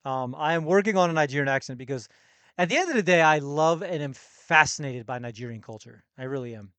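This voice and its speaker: Young american man, casual travel storytelling, slightly high voice, dry close sound. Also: expressive, fast, fairly bright tone, clean tone, no echo. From United States. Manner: rambling, self-correcting, laughs between thoughts. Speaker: podcast host.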